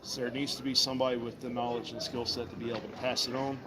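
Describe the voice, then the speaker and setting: A Virginia woodcarver demonstrates his craft at an indoor mall table, keeping up a friendly, folksy chat with passersby. He talks at a quick pace in a mid-range voice with little pitch movement. Background noise and crowd chatter from the busy mall come through.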